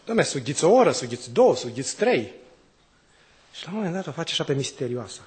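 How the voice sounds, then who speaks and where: High-voiced male preacher asking rhetorical questions. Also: big pitch swings. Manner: swings between loud exclamations and quiet drops. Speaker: priest. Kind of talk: sermon.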